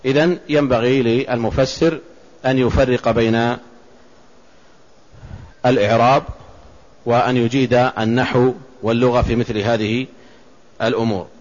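A man giving a measured religious lesson, explaining a text line by line and reciting verses and quotations. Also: mid-range voice, steady tone, a little mellow, lo-fi sound. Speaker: Islamic scholar teaching a text.

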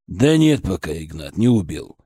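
A man's voice: sits low, very animated, normal speed, mellow, slightly rough, dry recording, studio quality, pitched below the performer's own voice, exaggerated voice. A man voicing a sarcastic, nervous, middle-aged male department head who grumbles about his boss. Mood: wry.

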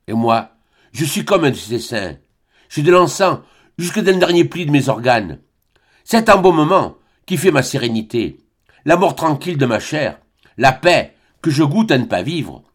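A man reading an audiobook, voicing a frightened, withdrawn young priest in a measured, hushed, trembling way. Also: mid-range voice.

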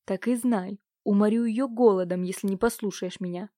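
A woman's voice: mid-range voice, steady tone, moderate pace, warm tone, no echo, clean studio sound, lightly acted. A woman voicing a cruel, domineering uncle who scolds and threatens his niece. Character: cruel domineering middle-aged uncle, man.

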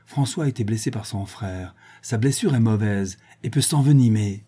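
A spiteful, furious captive villain, as a male reader puts him on. He spits insults in a low, husky, dark voice. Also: normal speed. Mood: raging. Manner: snarling, spitting insults. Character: furious bound villain, adult man.

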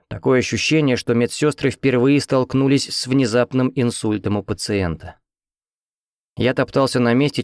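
A man narrating an audiobook in the first person with a steady, even reading. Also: mid-range voice, no room sound, clean studio sound. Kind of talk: scripted narration.

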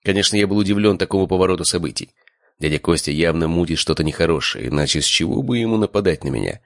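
A man narrating a first-person audiobook in an even, steady reading voice. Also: low voice, quick pace, dry recording, studio quality.

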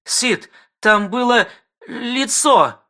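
A man voicing a hysterical, offended wife with shrill, sobbing outbursts. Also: moderate pace, bright, forceful tone, full character voice. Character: Cluster, grown woman, hysterical offended wife.

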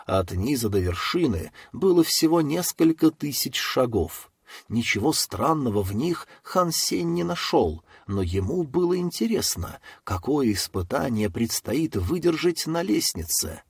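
A man reading a fantasy novel aloud as an audiobook narrator, in steady storytelling style. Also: medium pitch, vocal fry, breathy edge, dry recording, clean studio sound. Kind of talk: scripted narration.

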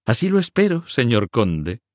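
A man voicing a cunning older banker who speaks smoothly and persuasively. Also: mid-range voice, wildly swooping pitch, moderate pace, no echo, pitched above the performer's own voice. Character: cunning older Italian male banker, soft-spoken.

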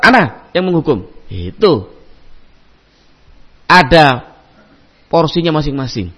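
A male religious teacher delivering a study lecture, his voice riding high and swinging widely in pitch. He quotes Arabic passages and explains them conversationally, often tossing in little fillers. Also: slightly rough, lo-fi sound. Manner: animated storytelling with acted-out voices; frequent conversational fillers like "naam" and "gitu loh".

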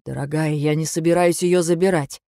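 A woman voicing a worried young husband who speaks softly, low and insistently. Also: steady tone, fairly quick, no echo, clean studio sound. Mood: firm. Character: worried young husband, gentle but firm.

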